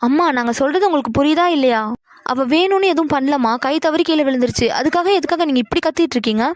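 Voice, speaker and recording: A woman's voice: high-pitched, fast. A woman voicing sisters in a cartoon, pleading and protective. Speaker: voice artist for sisters. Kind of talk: cartoon dialogue.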